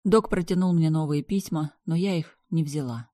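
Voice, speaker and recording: A woman's voice: deep voice, normal speed, dark tone, no echo. Dry-voiced woman narrating a tense story. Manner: tense, intense, rising into anger. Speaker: audiobook reader. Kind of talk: first-person story narration.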